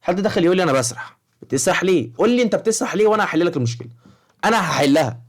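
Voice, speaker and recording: Fast-talking young Egyptian man vlogging. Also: high voice, animated. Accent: Egyptian Arabic. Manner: rambling and chatty, keeps checking in with the viewer. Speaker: study-advice vlogger for high school students. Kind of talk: casual fast-talking vlog.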